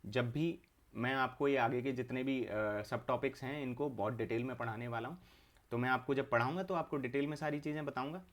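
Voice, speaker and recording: A man's voice: mid-range voice, brisk. A young adult man, teaching an online exam-prep English class, explaining each term step by step and repeating it.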